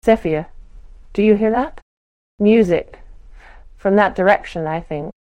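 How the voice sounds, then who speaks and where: A woman voicing an earnest, protective young elf druid woman in a soft, measured way. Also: medium pitch, no room sound, highs cut off, natural voice. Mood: resolute.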